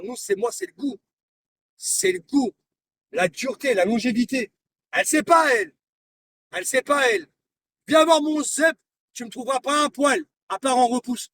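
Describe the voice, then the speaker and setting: A man with a very high speaking voice delivers a confrontational live-stream rant, taunting and hammering the same lines over and over. He sits some way back from the mic, and a faint hiss of noise runs under his voice. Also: a bit bright, far from the mic. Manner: confrontational, repeats himself, taunting. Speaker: livestreamer.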